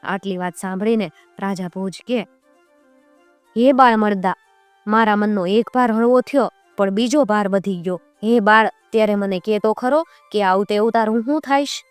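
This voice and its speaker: A woman's voice: mid-range voice, normal speed, smooth, no room sound, faint music behind. A woman narrating a traditional folk tale and voicing the characters' lines as she tells it. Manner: voices characters in quoted speech. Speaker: storyteller.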